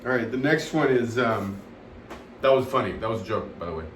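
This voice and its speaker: A man telling jokes casually, rambling and halting with many fillers, often laughing at his own punchlines. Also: lowish voice, expressive, far from the mic. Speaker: comedy host telling jokes. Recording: roomy sound from away from the mic, faint background noise.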